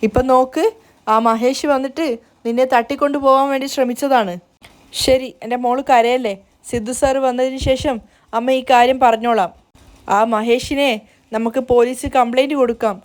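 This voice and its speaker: A firm, protective mother, played by a woman narrator, soothing and stern at once. Her voice is high. It is a storybook recap. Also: steady tone, moderate pace, close to an everyday voice.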